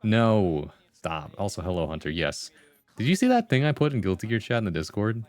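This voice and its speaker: A man's voice: fairly low pitch, sing-song, fairly quick, darkish tone, no room sound. A man hosting a livestream, chatting casually with viewers and reading comments in a slangy, conversational way. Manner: slangy, conversational, full of "like" and "bro". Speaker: livestream host.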